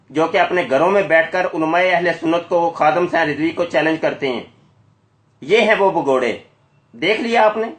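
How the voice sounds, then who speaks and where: Male live polemical host, high voice, combative and emphatic, echoey recording. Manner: confrontational, accusatory, emphatic. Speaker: YouTube channel host making a live call. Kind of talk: polemical live commentary to listeners. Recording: echoey, roomy sound.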